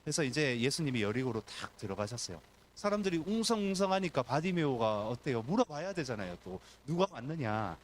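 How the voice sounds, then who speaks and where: A man's voice: medium pitch, quick pace, a little hiss or hum. A man, a pastor, preaching a sermon at a church service and acting out the voices in the story. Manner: animated preaching, acts out crowd and beggar voices.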